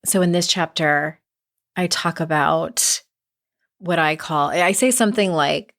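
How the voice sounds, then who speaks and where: A middle-aged woman hosting a casual solo podcast, candid and conversational, with some vocal fry in her voice. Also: sits low, unhurried, fairly bright tone. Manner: candid, conversational, with mild swearing. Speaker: podcast host and self-help author.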